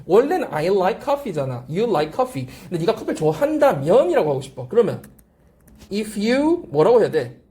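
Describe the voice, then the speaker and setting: Lively, warm-voiced English teacher drilling a class. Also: medium pitch, normal speed. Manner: drills pronunciation, repeating phrases and prompting the class; asks frequent rhetorical check-questions. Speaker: English teacher at a language academy. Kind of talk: classroom grammar lecture.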